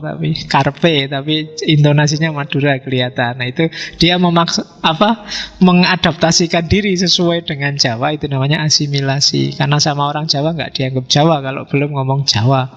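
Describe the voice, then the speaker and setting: Man, middle-aged, philosophy lecture, deliberate and questioning, dull lo-fi sound, faint music behind. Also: fairly high pitch, creaky, big-room sound. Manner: slow, deliberate explaining with rhetorical questions to the audience.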